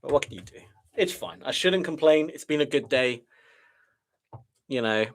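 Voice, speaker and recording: A man's voice: mid-range voice, lively intonation, normal speed. Frustrated man streaming live trades. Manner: frustrated, self-deprecating musing with sighs. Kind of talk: live trading commentary to viewers.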